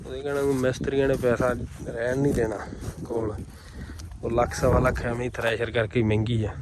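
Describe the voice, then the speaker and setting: Outdoor noise from machinery runs clearly behind a Punjabi man with a mid-range voice. He talks like a farm vlogger, casual and folksy, chatting to viewers and calling out to workers in everyday village speech. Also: medium pitch, little pitch movement, a little fast. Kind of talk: casual vlog chat. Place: outdoors in farm fields beside a running harvester.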